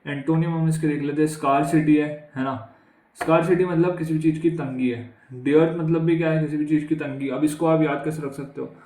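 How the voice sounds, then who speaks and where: A man's voice: fairly high pitch, steady tone, brisk, warm tone, roomy sound, poor audio. A man teaching English vocabulary for exams in a chatty way, with an Indian accent, often asking the class questions and calling them "guys". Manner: conversational, repeats questions to students, says "guys". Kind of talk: exam vocabulary lesson.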